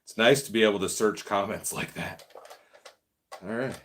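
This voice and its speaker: A man's voice: on the low side, normal speed, a bit bright, slight background noise. A man hosting a casual live stream, reading viewer comments and chatting in a laid-back way, laughing often. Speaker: livestream host.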